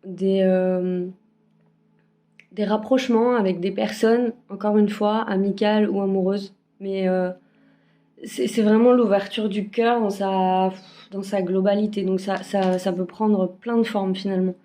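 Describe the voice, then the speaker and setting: A woman's voice: medium pitch, steady tone, a little slow, mellow. A woman giving a casual weekly spiritual card forecast, hesitant, with many fillers and restarts, recorded on a phone. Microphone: phone camera.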